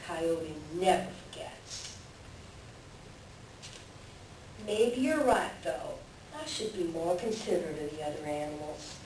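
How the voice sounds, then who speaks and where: A woman's voice: sits low, normal speed, darkish tone, natural voice. A woman playing a sly, self-serving coyote trickster with folksy, rustic speech in a readers theater animal tale. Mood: cagey, stubborn. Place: library readers theater performance. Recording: roomy, distant mic, faint background noise.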